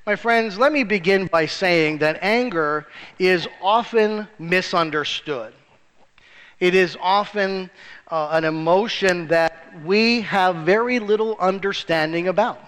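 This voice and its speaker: A high, bright-voiced male pastor preaches in a church, telling stories and acting out the voices of the people in them. He jumps sharply in pitch to stress a point, and his voice rings with a long church reverb. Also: smooth. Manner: storytelling with acted-out voices in jokes; rises sharply for emphasis. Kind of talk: sermon.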